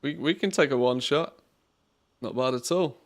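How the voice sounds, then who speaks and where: A man's voice: mid-range voice, normal speed. Dry, offhand man commentating on gameplay. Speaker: gamer streaming group raids.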